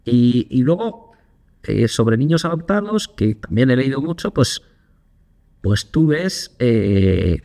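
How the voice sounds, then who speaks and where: A man's voice: mid-range voice, slow pace, vocal fry. A man co-hosting a casual podcast, telling anecdotes and acting out quotes with energy. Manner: animated storyteller, acts out quotes. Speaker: podcast co-host.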